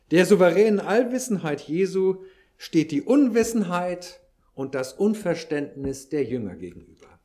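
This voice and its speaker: A man's voice: fairly high pitch, dark tone. A man preaching a sermon, explaining a Bible passage with occasional dry asides. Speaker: pastor.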